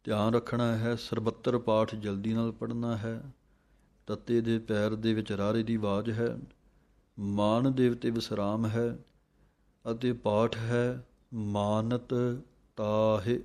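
A man giving a recitation lesson, his voice low and held almost level. He chants each verse in a slow, drawn-out way. Between verses he explains the pronunciation in quicker everyday speech. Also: level tone, darkish tone. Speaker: teacher of scripture recitation.

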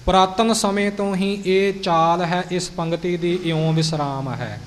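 Man, scripture pronunciation teacher, deliberate syllable-by-syllable speech, high voice, faint background noise. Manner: slow, deliberate, repeats words syllable by syllable. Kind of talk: instructional explanation. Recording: reverberant hall, faint noise.

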